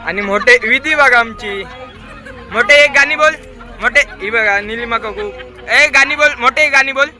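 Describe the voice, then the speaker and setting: Young guy vlogging on a bus, kinda high voice, talks nonstop showing everyone around, lots of people chattering behind. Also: moderate pace, bright, forceful tone, a faint crowd. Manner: chatty, keeps pointing things out to viewers. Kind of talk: casual vlog narration. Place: inside a moving bus. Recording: phone recording in a noisy, crowded bus. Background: chattering passengers on the bus.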